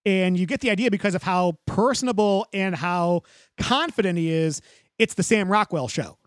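A man's voice: sits high, dry recording, studio quality. A man hosting a podcast, chatting about a movie and laughing often, then leading the ratings segment. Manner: quick to laugh, runs the segment. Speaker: podcast host. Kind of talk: casual movie discussion.

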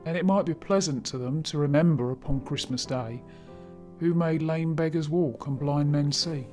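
A man voicing a gentle, weary mother. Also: a little high, moderate pace, pitched above the performer's own voice, natural voice. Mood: tender. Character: weary, kindly poor mother. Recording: background music.

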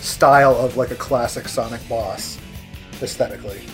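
Podcast guy, short matter-of-fact comments, normal pitch, bit of music behind. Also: normal speed. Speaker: podcast co-host. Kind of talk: casual chat about games.

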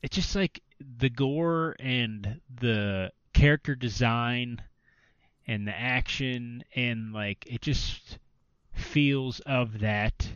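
A man chatting casually on a podcast, rambling and filling his sentences with "like". His voice is smooth and clean, recorded dry and a little dull. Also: mid-range voice, takes it slowly, fairly bright tone, dry recording. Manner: rambling, filler-heavy, restarts often. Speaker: podcast co-host. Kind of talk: casual chat about video games.

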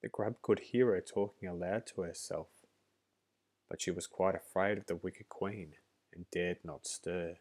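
Man reading a kids storybook out loud, really deep low voice, steady. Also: unhurried. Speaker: narrator.

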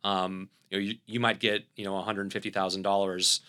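Bright-voiced Southern man pitching. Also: level tone, brisk, smooth. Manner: fluent pitch with many fillers and restarts. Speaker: company CEO guest. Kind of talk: conversational podcast interview.

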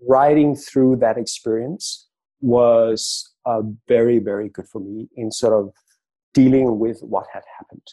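As a guest in an interview, a middle-aged author from Denmark tells stories conversationally with a Danish accent, frequently repeating words at the start of sentences. His voice is medium-pitched and dark in tone, with fairly even intonation and a slightly slow pace.

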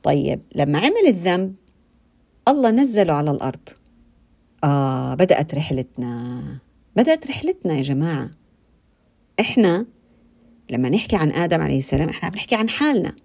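A woman giving an informal religious talk, conversational and animated, repeating phrases and asking her listeners questions. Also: on the low side, fast, creaky, pauses often. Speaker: religious speaker.

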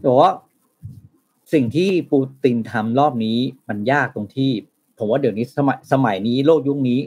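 A man's voice: mid-range voice, moderate pace, darkish tone, slightly rough. A man on a talk show panel arguing a point about world affairs, using rhetorical questions. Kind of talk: casual discussion of current affairs.

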